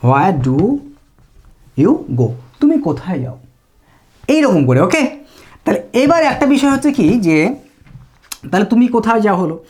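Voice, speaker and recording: A woman gives a spoken English lesson with an animated, lively voice that rises and falls. She explains patiently and keeps checking that her students follow. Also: fairly high pitch. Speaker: English teacher.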